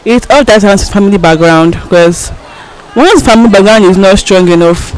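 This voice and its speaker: A woman's voice: mid-range voice, moderate pace, darkish tone, low-quality recording. Young Nigerian woman answering questions. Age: young adult. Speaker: street interviewee. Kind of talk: spontaneous answer in an interview.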